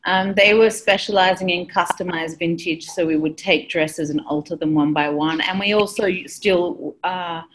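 A woman's voice: lowish voice, steady tone, moderate pace, hardly any pauses, low-quality recording. A woman in her forties, an interior designer, talking enthusiastically and a little rambling in a video call interview from her office. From Australia. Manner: enthusiastic, rambling, laughs often. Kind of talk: casual interview chat. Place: busy office with coworkers behind her. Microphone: laptop webcam on a video call.

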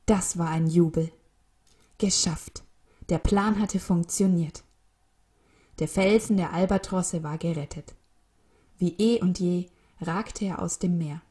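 A woman narrating a short children's story in a calm, even reading manner. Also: fairly low pitch, slow pace, long pauses.

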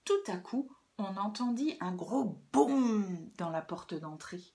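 A woman reading a children's story aloud as a storyteller, in an expressive, dramatic way. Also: medium pitch, slow pace.

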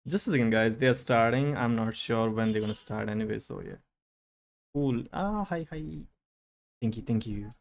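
A man's voice: mid-range voice, moderate pace. A young man with an Indian English accent, a streamer chatting casually and teasing his live chat. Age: young adult.

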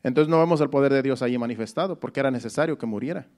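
A man's voice: medium pitch, racing, darkish tone. A man preaching a Sunday sermon. He explains each verse step by step, restating it in plain words and often repeating phrases.

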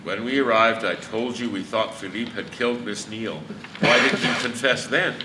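A man playing a steady, measured chief inspector on a live stage, picked up in an echoey hall from a distance. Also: fairly low pitch, a little hiss or hum. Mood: pressing. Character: calm, firm male chief inspector. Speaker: stage actor. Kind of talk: amateur stage play.

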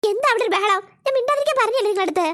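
Strict new cartoon teacher, very high and fast, scolding and lecturing. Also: female voice, animated, fairly bright tone. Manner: firm and scolding, lecturing the class.

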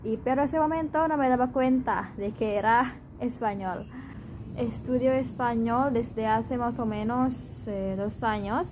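A woman in her twenties from Indonesia, a Spanish teacher, answering interview questions thoughtfully in her learned Spanish with pauses. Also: fairly high pitch, background noise. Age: 20s.

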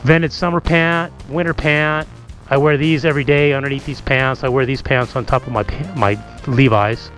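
A man in middle age giving a casual, relaxed tour of his home garage, talking through a helmet-mounted camera mic with lots of ums and asides. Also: medium pitch, moderate pace, faint music behind. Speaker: motovlogger.

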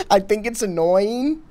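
Brief: young male podcast co-host, casual profane banter, faint hiss behind him. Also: on the high side. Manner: profane, teasing, breaks into mocking put-on voices. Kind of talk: casual comedic chat.

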